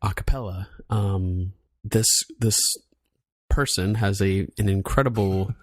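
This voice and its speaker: A man co-hosting a music review podcast who speaks haltingly and searches for his words. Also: lowish voice, dry recording, studio quality. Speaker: podcast co-host. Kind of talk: casual music review chat.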